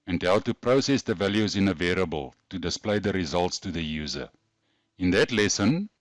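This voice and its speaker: A programming tutorial host with a broad Afrikaans South African accent narrates a scripted lesson, explaining everything methodically and carefully. His voice is deep, with no room sound.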